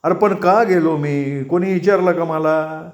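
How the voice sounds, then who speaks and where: A man's voice: on the high side, measured pace, muffled recording, close to an everyday voice. A man playing a drunk, ranting party worker. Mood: indignant. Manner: ranting, self-pitying, rustic speech. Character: drunk, aggrieved middle-aged male party worker.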